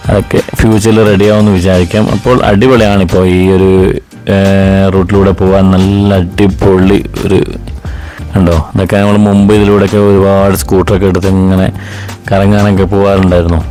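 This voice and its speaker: A man's voice: sits low, mellow. A man with a Kerala Malayali accent gives casual, enthusiastic travel vlog commentary, mixing English words into his speech. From Wayanad, Kerala, India. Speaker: travel vlogger. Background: background music.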